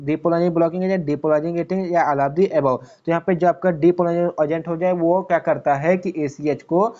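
A man with a fairly high, mellow voice teaches pharmacy exam questions. He reads the question slowly, then explains it fast, asking himself questions as he goes. The sound is a little dull and lo-fi. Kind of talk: exam-prep lecture explaining multiple-choice answers.

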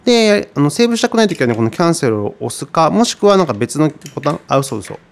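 A man teaching guitar in a relaxed tutorial, chatty and thinking aloud with many fillers. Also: on the high side, fast talker, gravelly. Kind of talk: casual tutorial explanation.

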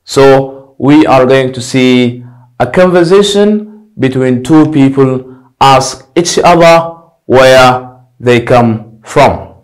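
A young man teaching an English lesson at a whiteboard, repeating drill phrases slowly and emphatically, on a lapel mic. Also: medium pitch, low-quality recording. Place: indoor studio in front of a whiteboard.

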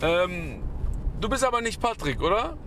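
A man's voice: high-pitched, sing-song, normal speed, bright, forceful tone. A man in his thirties hosting a casual interview in slangy, laid-back banter, talking into a handheld mic inside a car. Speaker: interviewer and host. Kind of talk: casual chat. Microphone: handheld mic passed around. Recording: road noise in a moving car.

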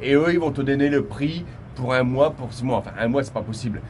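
A man's voice: mid-range voice, fast talker, a little mellow, a little hiss or hum. Chatty man giving a walking video tour. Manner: chatty, many fillers and restarts, talks straight to the viewer. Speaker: travel vlogger. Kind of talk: casual vlog tour. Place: walking through an apartment building and rooftop.

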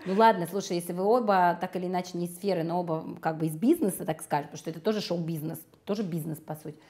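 Woman interviewer, lowish voice, talks super fast, teasing. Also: a little mellow. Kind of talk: casual interview questions.

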